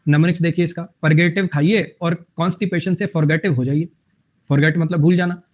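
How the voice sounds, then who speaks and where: A man's voice: a little high, fairly even intonation, brisk. A young man teaching a vocabulary lesson, repeating phrases and making up jokey memory tricks. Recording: dull lo-fi audio.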